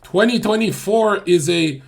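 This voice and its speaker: A man's voice: high-pitched, measured pace, gravelly. A man hosting a casual livestream, talking bluntly to his chat and swearing often. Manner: blunt, swears a lot, talks straight to chat. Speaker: livestream host.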